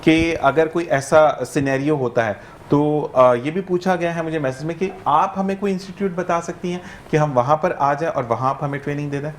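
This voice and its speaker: A Pakistani man hosting a morning TV show in a joking, teasing way. His voice sits a bit high for a man. Faint room noise hangs behind him. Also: moderate pace. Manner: playful, teasing, puts on comic voices. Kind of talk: joking live TV chat.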